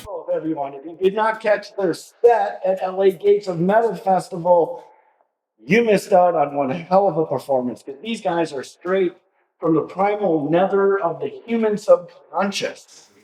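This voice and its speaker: High-voiced male cooking show host. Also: normal speed, warm tone, faint music behind. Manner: upbeat, prompting questions.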